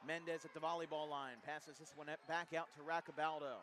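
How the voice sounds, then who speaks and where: A man calling a college basketball game play by play, his calls rising sharply on made shots and settling into steady stat reading between plays. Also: fairly high pitch, brisk, slight background noise. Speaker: play-by-play commentator.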